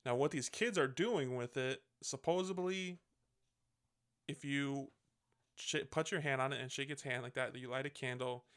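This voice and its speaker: A man's voice: medium pitch, moderate pace, a bit bright, clean tone. A man hosting a podcast, recapping a movie in casual, rambling chat, swearing freely and correcting himself as he goes. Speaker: podcast host.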